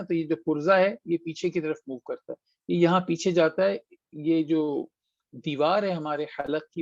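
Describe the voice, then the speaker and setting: Here a man with a slightly high voice and vocal fry teaches Quran recitation online, answering students in a tajweed lesson. He goes patiently step by step, demonstrates sounds and slips in English phrases, all over dull, dry call audio with no room sound.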